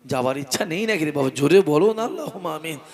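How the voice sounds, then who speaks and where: A male preacher at a night gathering, chanting in repeated phrases and calling on the crowd to answer, moving between loud cries and hushed prayer. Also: fairly high pitch, animated, fast. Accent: Bengali. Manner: calls on the crowd for responses. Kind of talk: sermon at a night religious gathering.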